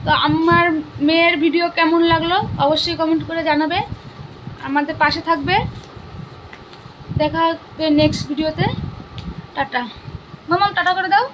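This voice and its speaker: A young woman, a mother and vlogger casually quizzing her child with coaxing, animated questions. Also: very high voice, normal speed, long pauses, slight background noise, poor audio.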